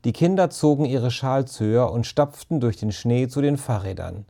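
A man narrating a children's story in a calm, even storytelling manner. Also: medium pitch, moderate pace, vocal fry. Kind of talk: audiobook reading of a children's story.

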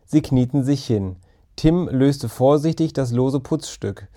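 A man reading a children's story aloud in a calm, even storytelling manner. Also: medium pitch, unhurried. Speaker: narrator. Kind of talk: audiobook narration.

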